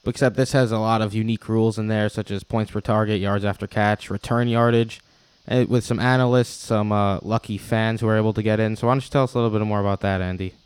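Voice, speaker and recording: A man's voice: on the low side, steady tone, fast, clean tone, no room sound. A man from Queens with a New York accent, talking casually as a sports podcast co-host.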